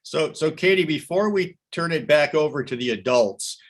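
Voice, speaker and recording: On a video call, a man moderates an online welcome session for students, handing over to each speaker while often stammering and repeating words. His voice is a little high and animated, at a normal speed.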